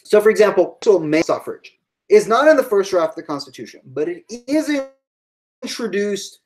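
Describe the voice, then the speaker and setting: A woman's voice: medium pitch, expressive, moderate pace, a little mellow, rough recording. A woman giving a live-streamed history lecture to online students, thinking aloud with fillers and asides.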